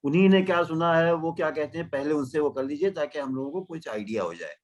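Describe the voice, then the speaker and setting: A man's voice: on the high side, expressive, quick pace, a little mellow. A man on a TV debate panel, briefly suggesting and prodding the anchor to ask others. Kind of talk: TV panel discussion.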